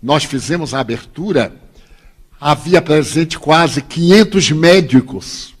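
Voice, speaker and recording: An older Brazilian man giving a spiritist lecture, telling humorous anecdotes and acting out the dialogue. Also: fairly high pitch. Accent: Brazilian Portuguese. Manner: humorous storyteller, acts out dialogue. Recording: long hall reverb.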